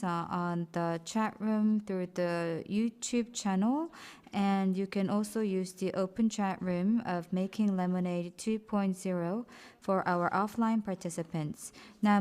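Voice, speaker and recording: A woman moderating a conference, announcing speakers and giving instructions in a measured way. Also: medium pitch, darkish tone, smooth. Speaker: event moderator. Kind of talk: event moderation.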